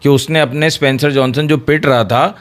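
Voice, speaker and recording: A man hosting a casual cricket chat, explaining tactics at length in an animated way. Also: a little high, normal speed. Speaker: cricket discussion host.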